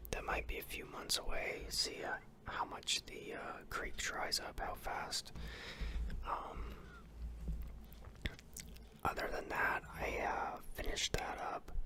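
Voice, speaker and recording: Close-miked ASMR whisperer, rambling casually. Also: very high-pitched. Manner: unvoiced whisper throughout; rambling and casual, with ums, swearing and restarts. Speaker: YouTuber. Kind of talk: ASMR whisper about their day.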